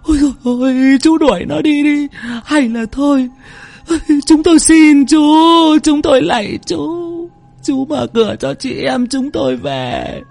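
A woman doing a scared older village woman, high-voiced and tearful as she begs again and again to go home. Soft music sits under the audio-drama telling. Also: animated, unhurried, vocal fry, full character voice. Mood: frightened pleading. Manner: tearful, begging.

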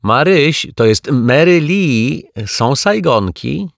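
Man doing a grumpy male waiter, sulky, touchy, gravelly, slow, dry close sound. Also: lowish voice, huge pitch swings, no echo, exaggerated voice. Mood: grumbling. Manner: sulky, grumbling, indignant.

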